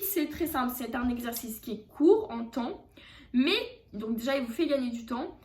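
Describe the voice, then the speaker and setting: A high-voiced French woman talks fitness tips straight to her viewers. Her delivery is casual and chatty, with frequent fillers and self-corrections. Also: echoey room. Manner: chatty, many fillers and restarts. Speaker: fitness coach. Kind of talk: casual vlog advice.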